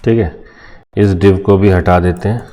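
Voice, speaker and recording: Man, Indian accent, coding tutorial, warm dark voice, casual chatty delivery, friendly filler check-ins. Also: sits low, steady tone, normal speed. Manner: informal, addresses viewers as friends, frequent "theek hai" fillers. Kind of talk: screen-recorded coding lesson.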